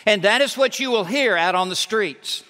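A man's voice: high voice, expressive, moderate pace, bright, forceful tone. A male pastor preaching a sermon from the pulpit, emphatic and repeating words for force. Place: church sanctuary. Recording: reverberant hall.

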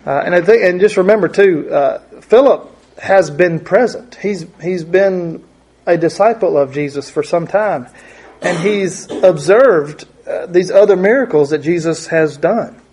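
Halting, conversational male Bible teacher. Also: high-pitched, a little mellow, breathy edge. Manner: conversational, halting, many restarts and asides. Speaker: preacher.

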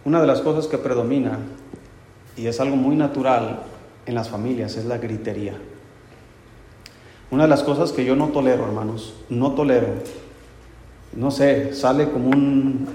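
A male pastor delivers a sermon in a relaxed, conversational way, slipping in humorous anecdotes. His voice sits at an ordinary pitch for a man. The sound carries a roomy, long church-hall reverb with faint background noise.

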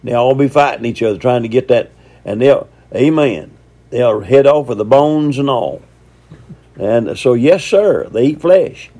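A man's voice: medium pitch, expressive, measured pace, mellow. A man preaching a teaching sermon on scripture, folksy and conversational, often asking his listeners questions.

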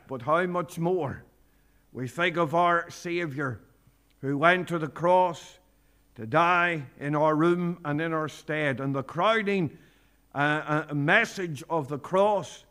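A man preaching a sermon as pastor, speaking in slow, earnest phrases that rise on each point, and reading out old-style scripture. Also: on the high side, sharp tone. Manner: quotes King James scripture aloud.

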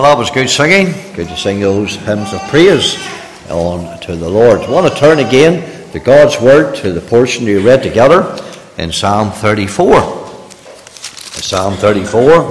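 A man's voice: fairly low pitch, big pitch swings, a little slow, slight background noise. A male pastor giving a sermon to a congregation, earnest and rising to emphatic preaching. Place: church sanctuary. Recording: long church reverb.

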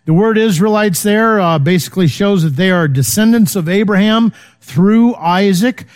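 High-pitched yet darkish in tone, a man speaking at normal speed runs a casual Bible study. He leans on fillers and checks in with his listeners using "okay?"

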